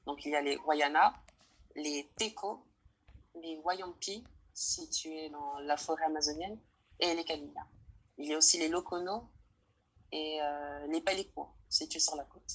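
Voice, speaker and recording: A nineteen-year-old woman from French Guiana, answering interview questions in a hesitant way, often pausing to search for words. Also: sits low, husky, rough recording.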